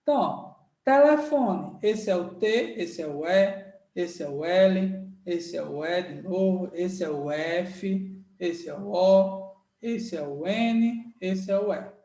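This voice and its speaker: A man with a Brazilian Portuguese accent teaches letter sounds in a slow, high voice, drawing each one out and asking "right?" along the way. The recording is echoey and roomy, with the voice sitting a bit back from the microphone. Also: distant mic. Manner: repetitive, emphatic teaching, checking in with "certo?" and "tá?"; sounds out letters slowly and loudly. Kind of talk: recorded online lesson. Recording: roomy echo, voice a bit off-mic.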